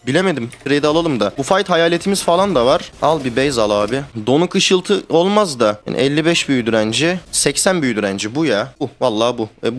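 A young man streaming a video game, talking to his teammates in casual live commentary that swings between calm planning and excited shouting and swearing. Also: fairly high pitch, slight background noise. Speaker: gamer streamer.

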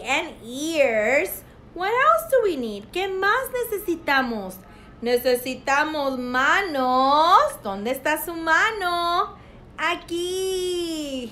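A woman giving a bilingual speech lesson to a small child, talking in slow, exaggerated, sing-song teacher talk with a dry throat. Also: high-pitched, sharp tone, a little hiss or hum. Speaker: speech therapist.

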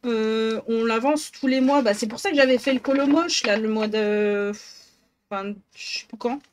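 A woman's voice: fairly high pitch, normal speed, a little hiss or hum. A woman streaming live, chatting casually with her viewers, greeting them by name and joking about herself. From northern France. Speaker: Twitch streamer. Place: home office.

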